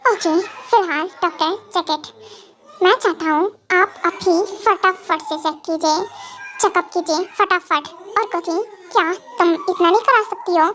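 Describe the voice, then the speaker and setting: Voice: very high-pitched, unhurried, sharp tone, a little hiss or hum, heavily acted. A reader voicing a vengeful, possessive young male mafia boss in an amateur fan dub, talking in a brooding, threatening way. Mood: anxious bossy. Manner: brooding, threatening, then fussing.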